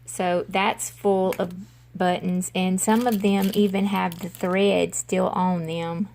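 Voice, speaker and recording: A woman with a Southern country accent drawls through a casual show-and-tell video. Her pace is unhurried and full of pauses and ums. Her voice has a gravelly edge. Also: medium pitch, level tone, a little mellow, slight background noise. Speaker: vlogger.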